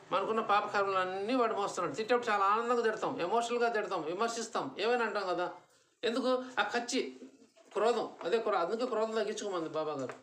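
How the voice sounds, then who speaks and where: A man's voice: sits high, sharp tone. A man giving a devotional discourse at a home gathering, answering his own rhetorical questions and slipping English words into his talk. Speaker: satsang speaker.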